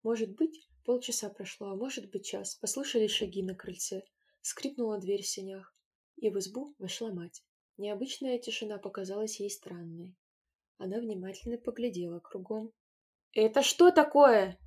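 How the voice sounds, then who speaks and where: A woman narrating a storybook with an expressive reading that gives each character its own voice. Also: medium pitch, moderate pace, husky. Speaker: audiobook narrator.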